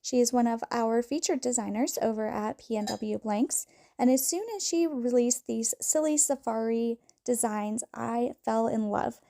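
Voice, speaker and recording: Upbeat woman with a mellow voice. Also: a little high, moderate pace, vocal fry. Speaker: crafting tutorial host. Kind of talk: scripted voice-over tutorial.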